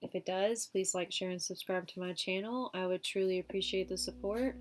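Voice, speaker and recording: This weekly tarot reading comes from a woman fighting a cold, who sniffles between chatty remarks full of fillers such as "um" and "you know." She speaks at a normal speed in a mid-range voice with fairly even intonation.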